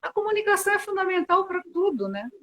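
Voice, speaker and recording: A woman's voice: very high-pitched, sing-song, fast talker, sharp tone, low-quality recording. A Brazilian woman mediator answering interview questions earnestly, often restarting with hesitant fillers, on a video call. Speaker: mediator and guest.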